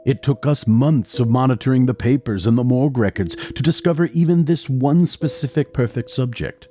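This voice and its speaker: In a measured, literary horror audio drama, an actor plays a somber male narrator recounting in first person his past and his gruesome experiments. The mood is grave and reflective. His mid-range voice is mellow and close to everyday speech, with music in the background.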